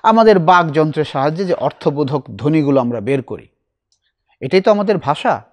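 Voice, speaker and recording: A middle-aged man teaching a recitation class, explaining slowly and asking his students questions. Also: a little high, lively intonation.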